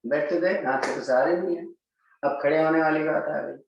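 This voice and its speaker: A man's voice: a little high, normal speed, vocal fry, dull audio, slight background noise. A man teaching a yoga class, talking students through each pose step by step. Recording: very echoey room, mic at a distance.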